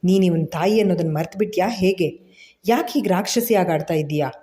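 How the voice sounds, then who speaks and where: An earnest young husband, read by a woman narrator, soft and pleading. The voice sits low and warm, and the audio storybook delivery moves at a quick pace. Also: lightly acted. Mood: reproachful.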